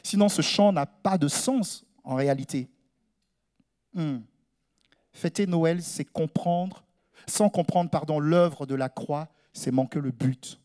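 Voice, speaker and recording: A high-pitched man delivers a sermon to a congregation. He asks questions and repeats refrains. His voice sinks to quiet, low phrases and then rises into raised, near-sung lines. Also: slow. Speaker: preacher.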